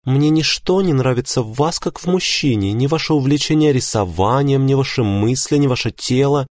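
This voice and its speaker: A male reader voicing a cold, aloof young noblewoman who speaks calmly, politely and distantly in a storybook. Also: mid-range voice, moderate pace, no room sound, studio quality, pitched above the performer's own voice, close to an everyday voice. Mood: coolly dismissive.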